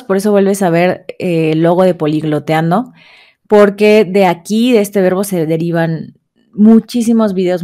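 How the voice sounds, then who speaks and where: A woman teaching English vocabulary. She says each English example slowly twice and then translates it. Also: medium pitch, warm tone. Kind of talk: vocabulary lesson.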